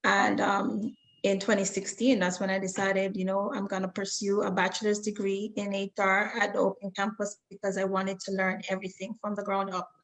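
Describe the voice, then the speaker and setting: A woman's voice: medium pitch, monotone, normal speed, a bit bright, low-quality recording. A woman, from the Bahamas and Jamaica, speaking steadily and articulately as an interview guest. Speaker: guest graduate. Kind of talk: conversational interview.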